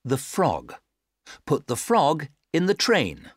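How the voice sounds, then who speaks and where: A actress as a patient instructor with a very low voice and hugely varied intonation. She speaks careful, stilted textbook dialogue in a dry studio sound. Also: wildly swooping pitch, takes it slowly, no room sound, heavily acted. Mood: patient, instructive. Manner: careful, over-clear instructing. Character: patient adult giving simple picture instructions.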